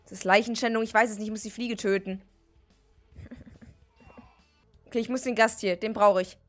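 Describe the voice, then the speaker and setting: A young woman streaming a game, commenting excitably and often breaking into shrieks and exclamations. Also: mid-range voice, normal speed, faint music behind.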